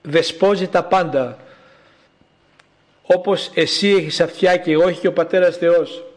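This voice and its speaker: A man preaching a sermon in a slow, emphatic way, repeating his calls. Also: high-pitched, steady tone.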